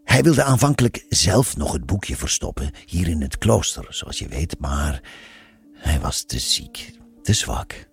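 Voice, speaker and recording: A man's voice: extremely low pitch, big pitch swings, unhurried, breathy edge, soft background music, heavily acted. A man voicing a playful, patient nun who teases knowingly. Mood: teasing. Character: teasing, patient older nun, woman.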